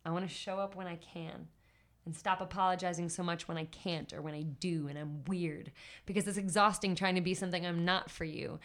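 A woman poet, a guest on a podcast, chatting and then reciting her own spoken word poetry in an expressive, rhythmic way. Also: on the low side, brisk.

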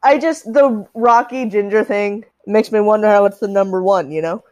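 A woman's voice: medium pitch, moderate pace, a little mellow, no room sound, dull audio. A young woman co-hosting a podcast, agreeing a lot and laughing easily as she chats about films. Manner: giggly, agreeable, chimes in often. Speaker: podcast co-host. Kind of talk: casual film discussion.

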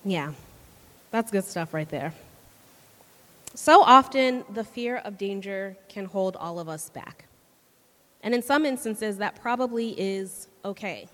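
A woman gives a conversational sermon with a mid-range voice, tossing quick questions and laughs to her listeners. Her voice carries a long reverb from a large church hall. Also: medium pitch, expressive, sharp tone. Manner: chatty, laughing, asks the audience questions. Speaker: church speaker.

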